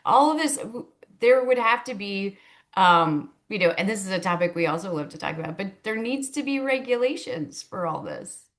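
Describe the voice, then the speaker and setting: A woman's voice: mid-range voice, animated, fairly bright tone. Amused woman hosting a casual chat. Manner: amused, quick to laugh. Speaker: talk show host.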